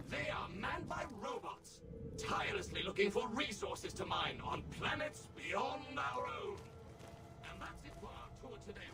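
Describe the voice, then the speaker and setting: An actor playing an overly smooth, servile male robot tour guide in a video game, with polished, cheery, scripted delivery. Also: high voice. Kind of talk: recorded game dialogue. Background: game music.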